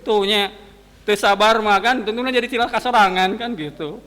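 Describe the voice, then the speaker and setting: A man with a Sundanese accent preaching a dawn sermon to students, telling lively everyday stories. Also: sits high, long reverb tail. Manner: animated storytelling, mixing casual asides and quick sound words. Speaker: religious teacher. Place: mosque hall.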